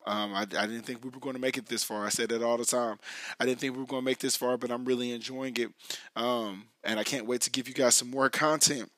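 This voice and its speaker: A man with an American accent chats casually to his podcast listeners. His voice is hoarse and gravelly, a raspy whiskey sound as if it is giving out, sitting at an average male pitch. He rambles in loose slang, recorded dry with no room sound. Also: fairly even intonation, quick pace, a bit bright, dry recording. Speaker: podcast host. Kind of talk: casual solo podcast talk.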